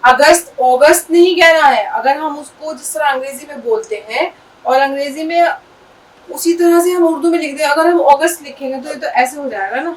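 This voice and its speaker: A woman teaching an Urdu lesson, patiently explaining and spelling words out letter by letter. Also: high voice. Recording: distant mic with faint background noise.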